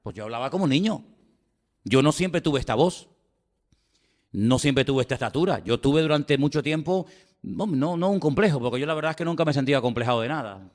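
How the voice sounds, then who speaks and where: A man's voice: medium pitch, expressive, brisk, in a large hall. A man with a Spanish accent from Spain preaching a sermon. He speaks with emphasis, repeats phrases and puts rhetorical questions to the congregation. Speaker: pastor.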